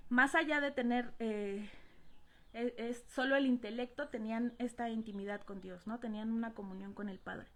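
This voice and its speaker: A woman giving a Bible study lesson, pausing often on "eh" and checking in with tag questions. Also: a little high. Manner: hesitant, frequent "eh" and tag questions "¿no?". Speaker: Bible teacher.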